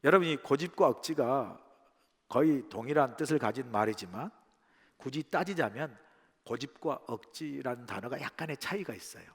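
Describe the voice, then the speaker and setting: A man's voice: mid-range voice, animated, normal speed, husky. A male pastor preaching a sermon in a church, speaking conversationally, posing rhetorical questions to the congregation and acting out quoted lines. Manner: acts out quoted speech dramatically. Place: church sanctuary. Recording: long reverb of a church hall.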